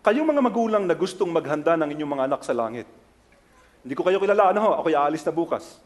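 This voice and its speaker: Lively high-voiced Filipino pastor preaching. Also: male voice, quick pace. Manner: animated, acts out quotes with sharp jumps in pitch and loudness. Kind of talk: sermon.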